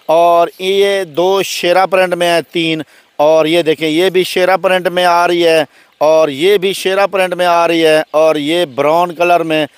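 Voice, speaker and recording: A middle-aged Pakistani goat farmer outdoors on his farm, giving a friendly sales pitch and showing his goats to the phone camera. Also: no echo. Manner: friendly salesman patter, keeps saying "my brother". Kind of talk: casual sales vlog. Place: outdoors on a farm by open fields. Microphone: handheld phone camera.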